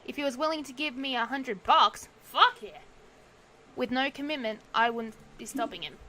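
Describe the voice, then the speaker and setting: A woman's voice: high voice, fairly quick, bright, forceful tone, a little hiss or hum. A woman streamer reading detective game narration aloud, breaking off for sudden outbursts and swearing. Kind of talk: reading game text aloud with casual reactions.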